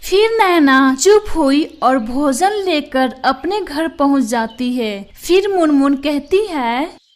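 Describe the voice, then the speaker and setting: Slow, high-voiced woman narrating a story. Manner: calm, even storytelling. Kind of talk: storybook narration for a children's cartoon.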